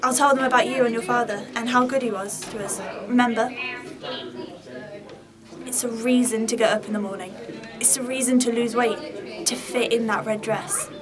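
Woman reading as a mum who wants everyone to like her, fairly high voice, chatter behind. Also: steady tone, moderate pace, natural voice. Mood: earnest. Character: hopeful middle-aged mother longing to be liked. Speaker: auditioning actress. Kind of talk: audition reading.

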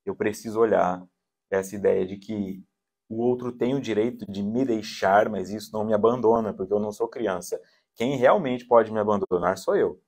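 A man giving a psychology talk at a spiritist center, animated and acting out quoted voices with a shifting tone. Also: lowish voice, moderate pace.

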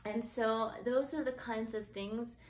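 A middle-aged woman hosting a podcast, talking in a casual, earnest and gentle way about parenting and faith. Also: fairly high pitch, steady tone, measured pace. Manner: earnest, gentle, uses fillers like um. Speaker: podcast host. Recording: echoey room with faint ambience.

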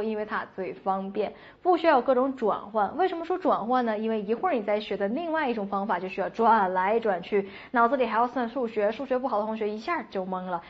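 A woman teaching an English lesson, drilling phrases with clear, emphatic repetition. Her voice sits fairly high. The audio is dull and lo-fi. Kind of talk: online English lesson for Chinese learners.

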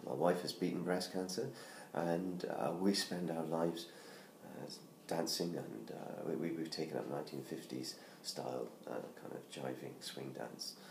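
A middle-aged British man, his voice hoarse with laryngitis, promotes his book in a casual self-recorded video at home beside a Christmas tree. He speaks in a rumbling low tone, a little slowly and with hardly any pauses, though ums and restarts abound. The tablet camera at close range picks up roomy sound and faint noise.

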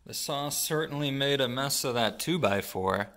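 Brief: young male host, deadpan dry delivery, mid-pitched, comic vlog narration. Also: moderate pace. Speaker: gun channel host. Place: workshop and backyard.

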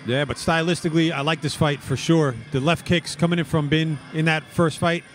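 High-ish male fight analyst commentating live. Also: steady tone, fairly quick, soft background music.

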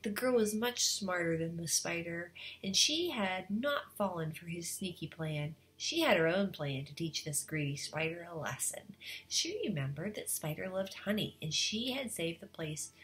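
A woman's voice: on the low side, a little slow, low-quality recording. A woman teacher reading a storybook aloud to students and explaining the lesson. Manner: expressive, explaining.

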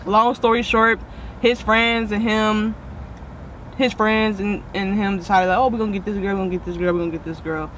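A young woman in her twenties chatting casually in a car, telling a relaxed story with her mouth partly full of fries. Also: medium pitch, fairly quick, low-quality recording. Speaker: vlogger answering viewer questions. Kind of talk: casual chat over food. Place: inside a car. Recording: outdoor traffic noise around a car.

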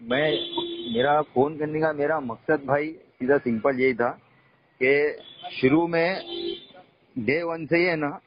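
A man on a phone call, calmly and insistently explaining himself at length. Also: a little high, racing, long pauses, a little hiss or hum. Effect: heard over a phone line. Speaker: caller, former company employee. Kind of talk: casual phone conversation. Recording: muffled phone call recording.

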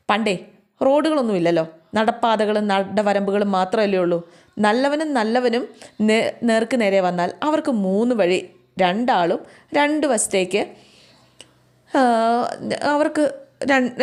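A woman's voice: mid-range voice, darkish tone. A woman retelling a family drama as a chatty oral storyteller who talks straight to her listeners and often restarts mid-word.

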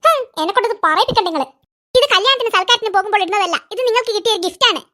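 A performer voicing squabbling cartoon kids and their mother, bickering in a squeaky, sped-up comic style. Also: very fast, sharp tone. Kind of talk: cartoon character voices.

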